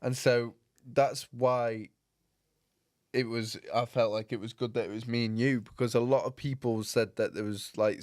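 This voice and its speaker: A young man co-hosting a podcast, chatting casually and joking with lots of laughter and quick asides. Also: medium pitch, no echo, studio quality. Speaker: podcast co-host. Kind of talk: casual chat.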